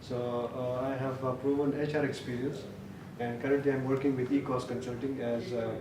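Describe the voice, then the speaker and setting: A man introduces himself hesitantly, filling pauses as he searches for words. His voice is flat, far from the mic in an echoey room with clear background noise. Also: medium pitch. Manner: hesitant, many fillers.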